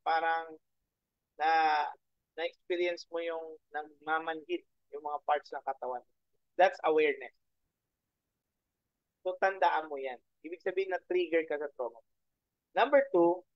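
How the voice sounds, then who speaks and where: A man's voice: sits high, dry recording, muffled recording. A man preaching a sermon in mixed Tagalog and English, asking the audience rhetorical questions and checking in with "okay?". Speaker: pastor.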